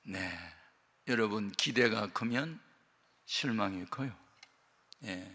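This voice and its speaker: A man preaching a sermon as pastor, an animated storyteller who acts out the quotes. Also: lowish voice, slow pace, long reverb tail. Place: prayer house worship hall.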